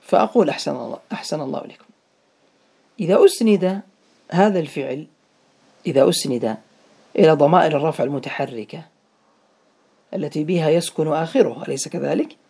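A man's voice: a little high, fast, creaky, pauses often, dark tone, husky. A man teaching an Arabic grammar class, questioning his students by name, repeating key points and blessing them after their answers. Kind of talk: classroom lesson.

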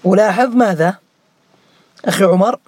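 High-voiced teacher quizzing his students. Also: normal speed, a little mellow, dry recording. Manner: questioning, drills students by name, repeats key words. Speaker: Arabic morphology teacher. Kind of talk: interactive grammar lesson.

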